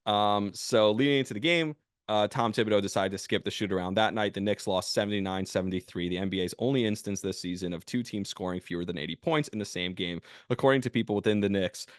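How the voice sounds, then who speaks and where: A man with a fairly low voice hosts a sports talk show, making his case with passion and emphasis. His delivery is casual and loose, full of restarts, and it swells into loud outbursts. The sound is dry and close, with no room around it. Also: no room sound. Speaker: sports podcast host. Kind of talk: opinionated sports talk monologue.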